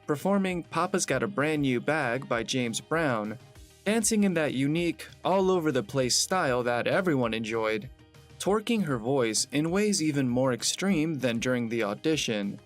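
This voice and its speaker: Steady male narrator reading a script. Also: medium pitch.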